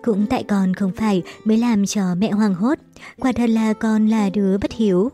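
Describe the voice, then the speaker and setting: A proud young son from a wealthy house, firm and grieving as he speaks, read by a woman. His voice is mellow and soft-edged. Faint music plays under the storybook reading. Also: medium pitch, fairly even intonation, normal speed, natural voice. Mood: sorrowful. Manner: resolute, grieving. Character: proud wounded young man, a rich family's son.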